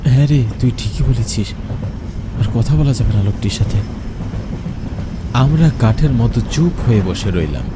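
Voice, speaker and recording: A man narrates a horror story in the first person, theatrically and expressively, as both narrator and lead character. His voice sits at medium pitch with a moderate pace and frequent pauses. Loud train noise runs behind him.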